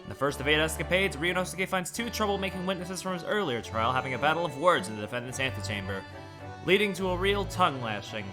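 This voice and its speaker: A man chatting casually while streaming a game, relaxed and rambling, with game music behind. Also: fairly high pitch, quick pace. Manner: relaxed, rambling, lots of fillers. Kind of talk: casual let's-play chat and reading the game aloud.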